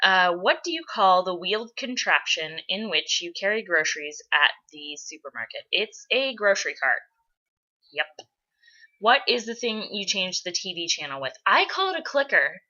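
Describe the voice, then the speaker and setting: Bright, low-pitched American woman, lo-fi recording. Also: very animated, moderate pace. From United States, born in California, moved between states. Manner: wry, opinionated asides with mild swearing. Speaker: blogger answering an accent challenge. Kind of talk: casual solo chat, answering a questionnaire.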